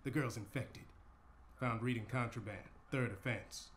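An actor voicing a gruff male security officer who speaks bluntly and dismissively. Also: mid-range voice, normal speed, a bit bright, slight background noise, natural voice.

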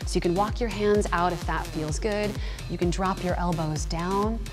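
A woman's voice: on the low side, moderate pace, over music. A woman in her thirties, a fitness trainer, guiding a yoga flow with encouraging, upbeat cues in a large indoor gym studio. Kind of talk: guided yoga instruction.

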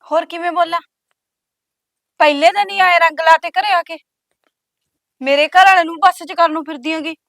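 A taunting elder sister-in-law. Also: female voice, very high voice, steady tone, moderate pace, long pauses, a bit bright, no room sound, clean studio sound. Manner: taunting, bossy, mocking. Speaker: actress. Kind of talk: village family drama acting.

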